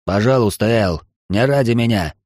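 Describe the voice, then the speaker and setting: A man's voice: on the low side, normal speed, a little mellow, no room sound, close to an everyday voice. A man voicing a weary, pleading space admiral. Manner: tired, pleading. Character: weary middle-aged male space admiral, patient. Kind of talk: audiobook character voice.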